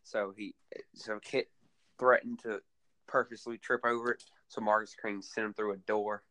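A man's voice: on the low side, level tone, normal speed, bright, forceful tone. A man recapping a wrestling event in casual podcast chat, rambling and full of fillers. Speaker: co-host recapping a wrestling show.

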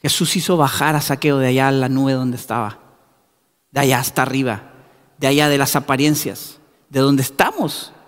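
A man's voice: medium pitch, moderate pace, big-room sound. A man preaching a sermon in a church, building up to emphatic repeated calls. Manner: rising to emphatic shouted repetitions.

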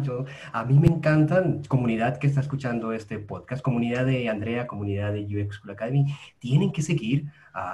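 A man's voice: mid-range voice, dark tone. A young adult man from Colombia hosting a podcast, speaking with enthusiasm and addressing his audience directly. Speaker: podcast host. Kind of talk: casual conversational interview.

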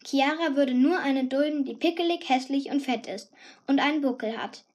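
High-voiced woman narrating a cheeky story. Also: normal speed, darkish tone. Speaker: audiobook narrator. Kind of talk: scripted first-person narration.

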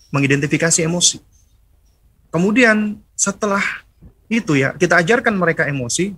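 Male preacher, middle-aged, bright husky voice, religious parenting lecture, asks and answers his own questions. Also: on the high side. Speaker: Islamic preacher.

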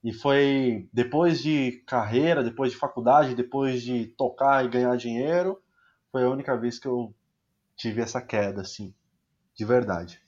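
A man's voice: mid-range voice, measured pace, a little mellow. Laid-back young man, lo-fi. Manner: laid-back slangy storytelling, trailing off. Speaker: musician and music teacher, guest. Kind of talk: casual podcast conversation.

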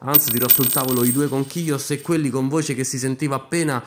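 A man narrates a comic fantasy story at a brisk clip. His pitch sits in the middle, and he drops in irreverent asides. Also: fairly even intonation.

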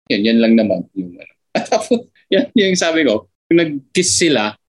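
Giggly, animated male podcast co-host. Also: fairly high pitch, unhurried, breathy edge. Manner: chatty, giggles often, switches between Tagalog and English. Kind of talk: casual podcast chat about a movie.

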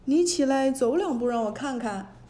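A woman's voice: high voice, lively intonation, moderate pace, mellow, a little hiss or hum. A woman voicing a stern, wise old male immortal teacher in a children's storybook reading. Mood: calm. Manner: stern, scolding.

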